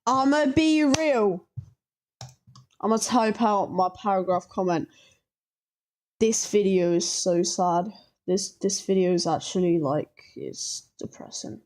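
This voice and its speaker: A woman hosting a reaction video, talking in a slangy, halting way as she thinks aloud and gives ratings. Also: mid-range voice, darkish tone. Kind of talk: casual reaction commentary.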